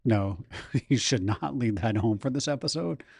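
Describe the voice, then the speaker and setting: A man's voice: mid-range voice, animated, normal speed, vocal fry, darkish tone, husky, no echo, studio quality. A man co-hosting a podcast in a casual chat, teasing his partner and laughing easily. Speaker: podcast co-host.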